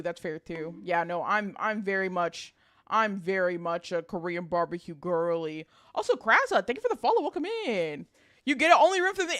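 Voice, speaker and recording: A woman livestreamer with a high, very lively voice that swings freely in pitch. She chats casually with viewers in a bubbly, girlish style, blunt and playfully emphatic, swearing freely. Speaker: livestream host, virtual streamer. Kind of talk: casual livestream chat, reading and answering viewers.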